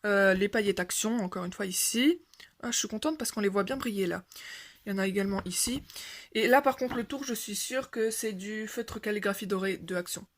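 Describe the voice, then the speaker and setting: A woman's voice: medium pitch, a little fast, slight background noise. A young woman chatting casually about her finished coloring pages, rambling and correcting herself with lots of fillers. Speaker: coloring video creator. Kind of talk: casual show-and-tell chat.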